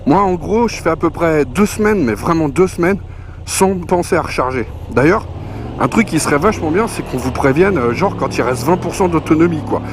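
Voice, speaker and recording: A man presents a casual motorcycle gear review in a chatty, colloquial way, full of slang and spoken sound effects. His voice is on the high side, animated and a little fast, with background noise and clear music playing behind him.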